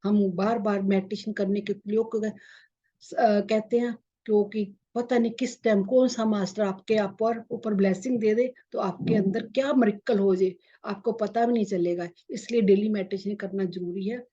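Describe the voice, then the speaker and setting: A woman meditation teacher giving a spiritual talk to her group, halting and repetitive, with many filler sounds. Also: medium pitch, steady tone, dark tone, slightly rough. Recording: dull lo-fi recording.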